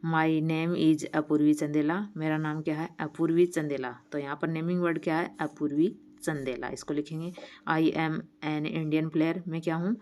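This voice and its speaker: A woman teacher explaining a workbook lesson, reading each item slowly and then asking and answering her own questions. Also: low voice, steady tone, warm tone, slight background noise.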